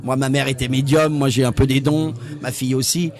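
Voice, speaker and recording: A man's voice: medium pitch, flat delivery, brisk, music in the background. A man, telling a long anecdote on stage at a live event. He acts out other people's lines and often repeats his words. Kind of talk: lively storytelling anecdote.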